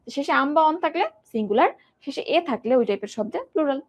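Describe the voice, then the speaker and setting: A woman's voice: sits high, expressive, fast talker. A young woman teaching an exam-prep grammar lesson, asking the students questions and repeating words in drills.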